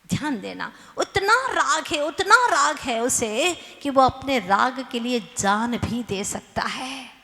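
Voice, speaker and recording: A woman nun preaches a sermon in a high, gravelly voice, at a slow, deliberate pace. She speaks earnestly and tells stories full of rhetorical questions. Her voice rings through a long, echoing hall. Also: sharp tone.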